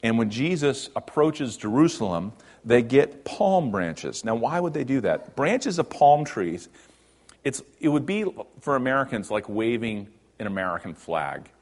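A man preaching a sermon in a conversational teaching style, at times lifting his voice for emphasis and at times dropping it low. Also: big pitch swings, a little slow. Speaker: pastor.

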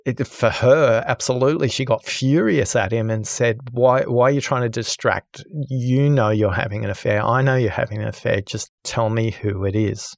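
A man who is a guest on a podcast, telling a story with lively energy and acting out the people in it. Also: medium pitch, moderate pace, vocal fry, few pauses, no room sound, studio quality. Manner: lively, acts out the people in his stories. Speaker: podcast guest, listening expert. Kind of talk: animated storytelling in conversation.

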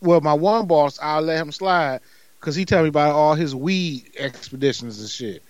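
A man's voice: on the high side, normal speed, no room sound. Brief: male co-host, joking and laid-back, dry dull sound. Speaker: podcast co-host. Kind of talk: casual podcast banter. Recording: dull lo-fi recording.

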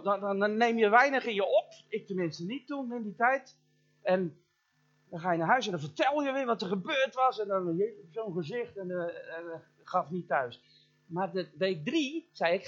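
Lively high-voiced middle-aged male preacher. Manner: animated, addresses the congregation directly; imitates sounds and voices in his story. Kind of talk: storytelling sermon. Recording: dull lo-fi church recording.

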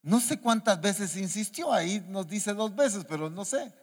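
Lively male preacher in echoing hall. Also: sits high, unhurried, husky. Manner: animated, asks the congregation many questions. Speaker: apostle preaching. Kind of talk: sermon. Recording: reverberant church hall.

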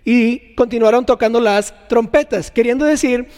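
A man preaching a sermon in an animated way, acting out scenes and making sound effects. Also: very high voice, moderate pace, big-room sound.

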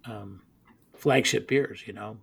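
A man's voice: fairly low pitch, slow, gravelly, slight background noise. A man hosting a casual beer podcast, rambling with stammered restarts and laughing often. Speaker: podcast host.

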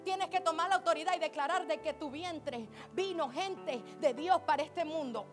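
Woman preacher, very high voice, fervent sermon, hushed to shouting, music behind. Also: moderate pace. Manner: impassioned, swings from hushed to shouting. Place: church service.

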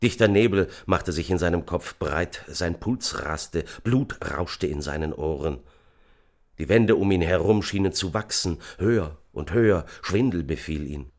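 A man reading an audiobook in a measured, dramatic narration. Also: deep voice. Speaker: audiobook reader. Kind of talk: scripted narration.

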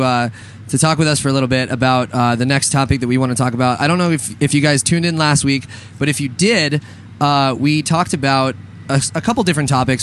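A man's voice: mid-range voice, a little hiss or hum. A young man hosting a radio talk show, chatting casually with many fillers, jokes and laughs. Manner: rambling, laughing, joking.

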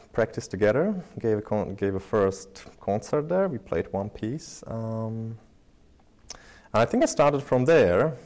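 A deep, warm-voiced man in his 30s, a Czech-speaking pianist and researcher, rambles comfortably as a guest in a casual interview. His talk is loose and chatty, packed with fillers and restarts.

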